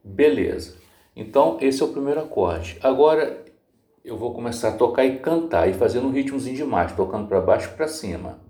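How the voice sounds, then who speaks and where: A man's voice: medium pitch, lively intonation, brisk. A man teaching a guitar lesson, explaining patiently step by step and singing short lines to show each chord change. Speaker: music teacher. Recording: roomy sound, guitar playing under the voice. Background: acoustic guitar.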